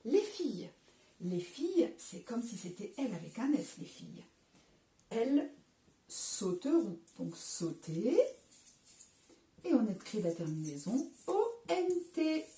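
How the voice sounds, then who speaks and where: A woman's voice: a little high, big pitch swings, takes it slowly, long pauses, warm tone, echoey room. A woman teacher with a French accent, giving a recorded lesson to young children, patiently spelling out word endings letter by letter. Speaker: primary school teacher. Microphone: camera some distance away.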